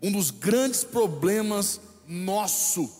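A man's voice: high-pitched, lively intonation, drawn-out words, darkish tone. A man with a Brazilian Portuguese accent preaching a sermon as a bishop, emphatic and repeating lines for the congregation to echo. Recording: echoey hall with faint music.

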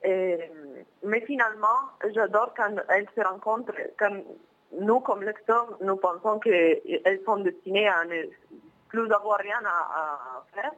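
Brief: young Italian woman calling in, halting French, dull phone-line sound. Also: mid-range voice, a bit bright. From Milan, northern Italy. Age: young adult. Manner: hesitant, searching for words, many pauses. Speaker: phone guest, former exchange student. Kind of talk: phone interview.

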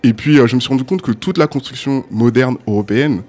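A young man talking in a casual podcast discussion, fast and halting, often restarting and repeating words. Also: mid-range voice, a little mellow. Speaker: podcast guest.

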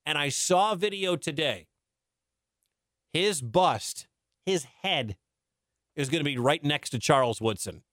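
A man's voice: a little high, expressive, a little slow, long pauses, a bit bright, no room sound, clean studio sound. A man hosting a sports radio show, telling stories in a chatty, casual way and laughing often. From Detroit, grew up in Wisconsin. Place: radio studio.

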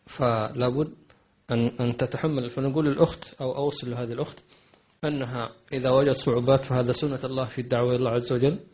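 A man teaching a religious lesson, answering questions with measured advice, pausing on hesitant fillers and restarts. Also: medium pitch, fairly even intonation, darkish tone. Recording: dull lo-fi recording.

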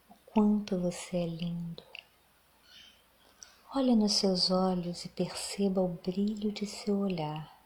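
Female meditation guide, Brazilian accent, lowish pitch, very slow soothing delivery, soft and breathy, close to a whisper.

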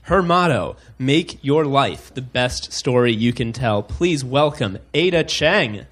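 A man's voice: medium pitch, expressive, slow, a bit bright, a little hiss or hum. A man hosting a live show, introducing the next speaker in an upbeat, casual way. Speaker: host.

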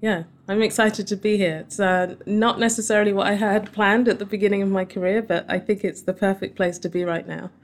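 A woman's voice: mid-range voice, fairly even intonation, a little fast, hardly any pauses. A middle-aged woman from southern England with a home counties accent, answering interview questions in an articulate, explanatory, conversational way. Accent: southern English, home counties. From Surrey, southern England. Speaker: interview guest, company chief scientist. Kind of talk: conversational interview answers about personal background.

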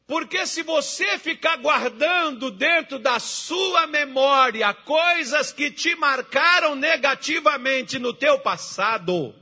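Pastor guy preaching, husky and bright, goes quiet then shouts. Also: high voice. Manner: emotional preaching, swings between hushed storytelling and shouted exhortation. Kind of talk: sermon.

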